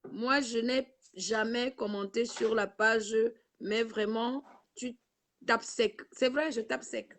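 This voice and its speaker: Speaking into her own camera on a live video stream, a woman gets emotional and preachy, repeating herself and saying "ma fille" again and again. Her voice is a little high, steady in tone, slow and a touch bright.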